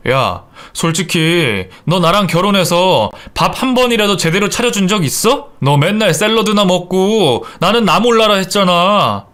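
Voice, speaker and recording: A man's voice: sits high, a bit bright, voice pushed up, heavily acted. A man playing an exasperated young husband. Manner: pleading then scolding. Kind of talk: Korean radio drama acting.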